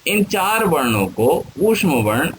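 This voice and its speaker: A man teaching a grammar lesson, spelling out syllables one at a time in a deliberate lecture. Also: fairly high pitch, sing-song, slight background noise, low-quality recording.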